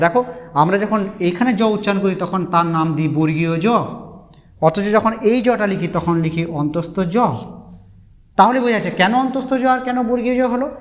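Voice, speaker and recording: A male teacher giving a lesson, explaining step by step and asking and answering his own questions. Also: sits high. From West Bengal. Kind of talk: classroom lesson on phonetics. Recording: dull lo-fi audio with long reverb.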